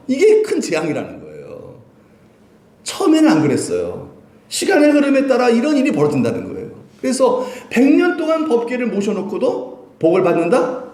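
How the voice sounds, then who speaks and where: A male pastor preaching a sermon. He asks the congregation questions and answers them himself, swinging from loud emphasis to quiet, low lines. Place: church sanctuary. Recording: echoey church hall.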